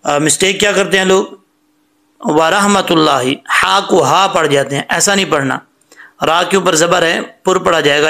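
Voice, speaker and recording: A man teaching correct prayer recitation, drawing words out slowly and then explaining mistakes in plain talk. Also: on the high side, pushed and bright. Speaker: tajweed teacher. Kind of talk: slow recitation lesson with corrections.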